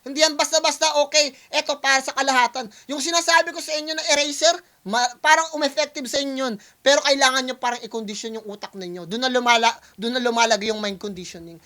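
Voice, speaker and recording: A man's voice: extremely high pitch, fast talker, hardly any pauses, sharp tone. A man, a music producer, talking casually to his viewers and explaining things step by step at length, often checking in with "di ba?" and mixing English into his Tagalog. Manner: long-winded, explains step by step, often asks "di ba?"; Taglish, switches between Tagalog and English. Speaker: music producer reacting to a rap battle.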